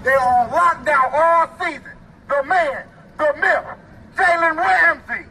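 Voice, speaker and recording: A hype man shouting rhyming boasts through a megaphone outdoors beside an armored truck. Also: very high-pitched, a little slow, slight background noise, poor audio. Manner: loud rhyming hype chant.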